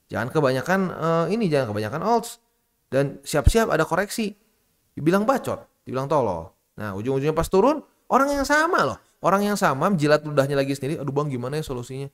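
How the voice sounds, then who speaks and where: Host, male, slightly high voice, blunt and scolding, casual slang. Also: sing-song, brisk, fairly bright tone. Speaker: crypto channel host. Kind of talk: casual market commentary.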